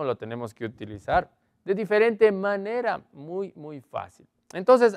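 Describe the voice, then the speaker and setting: A man teaching an online English grammar lesson, explaining in Spanish and reading English examples slowly while asking his students questions. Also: on the high side, no echo. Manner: asks students questions often.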